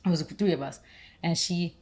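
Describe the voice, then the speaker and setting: A young woman co-hosts a podcast in a loose, rambling conversational style. Her voice sits low and sounds soft and mellow rather than bright. She strings her thoughts together with frequent "like"s. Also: brisk, slightly rough. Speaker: podcast co-host. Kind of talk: casual conversational chat.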